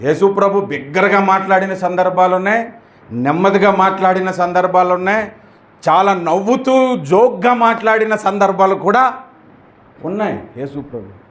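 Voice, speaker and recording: High-voiced preaching man, echoey room. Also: animated, moderate pace, fairly bright tone. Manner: emphatic preaching, acting out prayers and rebukes. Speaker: pastor. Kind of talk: sermon.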